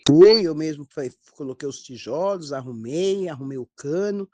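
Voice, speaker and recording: A woman's voice: sits low, normal speed, a little hiss or hum. Brazilian woman pastor telling a testimony. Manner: storytelling, animated quoted dialogue. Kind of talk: testimony sermon.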